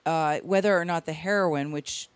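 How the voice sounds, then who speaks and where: A woman co-hosting a casual podcast, reading out odd news stories with animated commentary. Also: low-pitched, moderate pace, clean tone, no echo.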